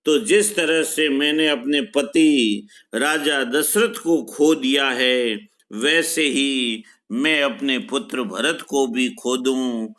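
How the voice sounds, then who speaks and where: A man lecturing on a poem, reading each verse and then paraphrasing it slowly and repetitively. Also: medium pitch, a bit bright. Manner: slow, deliberate explanations with frequent repetition. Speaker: college lecturer. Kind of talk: literature lecture explaining a poem line by line.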